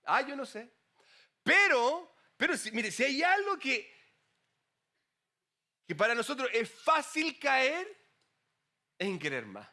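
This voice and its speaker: Bright-voiced male pastor preaching. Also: very high-pitched, slow pace, pauses often. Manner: conversational, animated preaching with asides to the congregation. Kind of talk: sermon.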